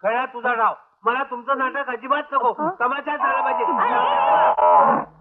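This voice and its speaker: A man's voice: very high voice, sing-song, unhurried, very noisy, full character voice. An actor playing a stern village man who gives blunt orders and threats, on a tinny old film soundtrack.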